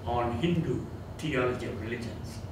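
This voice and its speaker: A retiring theology professor in his sixties, speaking Tamil-accented English at medium pitch and normal speed, gives a reflective, gently self-deprecating informal farewell lecture with Q&A. He's in a medium-sized indoor seminar room, picked up from far off by a camera mic, with echo and background noise.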